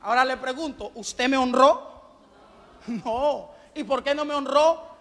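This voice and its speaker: Male pastor, sermon, high voice, fervent and questioning, hall reverb. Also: a little slow, fairly bright tone. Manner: fervent, questions the congregation and calls for amens. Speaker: pastor preaching to a congregation. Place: church hall at a Sunday service. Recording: long church-hall reverb.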